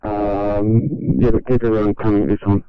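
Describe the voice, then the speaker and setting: A man on an ambulance crew giving a halting, informal field report over two-way radio. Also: lowish voice, little pitch movement, clean tone, dry recording, soft background music. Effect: two-way radio transmission. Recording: muffled, band-limited two-way radio.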